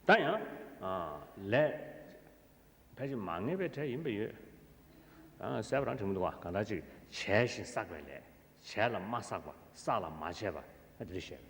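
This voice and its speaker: A man's voice: fairly low pitch, very animated, racing, fairly bright tone. A man, a native Tibetan speaker with a Tibetan accent, giving a philosophy teaching. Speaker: Buddhist teacher. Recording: echoey hall with background noise.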